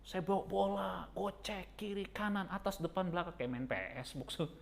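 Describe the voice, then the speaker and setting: A man, a pastor preaching a sermon with lively storytelling that jumps to a high, excited pitch. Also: normal speed, creaky, a little hiss or hum.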